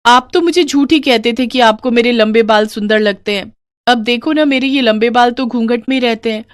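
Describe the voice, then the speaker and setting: Woman doing a gentle young new bride. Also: on the high side, moderate pace, pitched above the performer's own voice, close to an everyday voice. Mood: complaining. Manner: soft, pleading, hurt.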